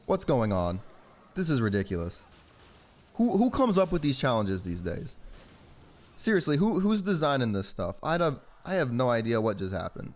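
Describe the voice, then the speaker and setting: A man in his early twenties from Georgia in the southern US, with an American accent, chatting informally and rambling as he commentates on a game. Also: medium pitch. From Georgia, southern United States. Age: early 20s. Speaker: gaming YouTuber. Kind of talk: casual gameplay commentary with personal chat.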